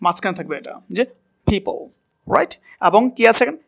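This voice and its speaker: A man's voice: sits high, big pitch swings, a little fast, vocal fry. A man teaching a spoken English class, asking a student to repeat words and correcting how they are said. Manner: coaching pronunciation, asks and repeats words.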